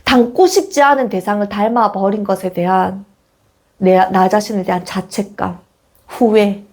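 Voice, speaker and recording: A woman's voice: mid-range voice, moderate pace, a little mellow. A middle-aged woman giving a casual parenting lecture, posing rhetorical questions and acting out children's lines. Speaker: parenting educator.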